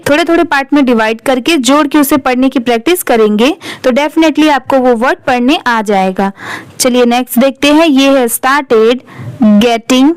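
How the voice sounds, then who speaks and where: A woman with an Indian accent teaching English reading, spelling out words letter by letter and repeating each one slowly. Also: sits high, clear, resonant tone, no echo, poor audio. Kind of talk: slow word-by-word reading lesson.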